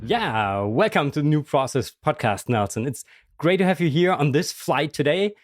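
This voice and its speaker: A man's voice: a little high, big pitch swings, normal speed, slight background noise. A man hosting a podcast, reading a guest introduction and then chatting upbeat with his guest. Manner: upbeat, with airline travel framing. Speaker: podcast host. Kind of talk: podcast interview, read intro then casual chat.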